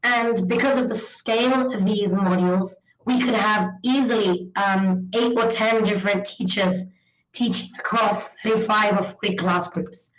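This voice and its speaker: A woman with a hoarse, croaky frog voice from a cold, giving an informal online academic presentation. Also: mid-range voice, fairly even intonation, a little slow. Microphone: video call. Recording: roomy, echoey video call audio.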